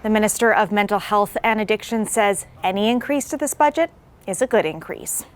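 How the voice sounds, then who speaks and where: A woman anchoring an evening news broadcast, reading a scripted report in a steady, clear manner. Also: medium pitch, brisk.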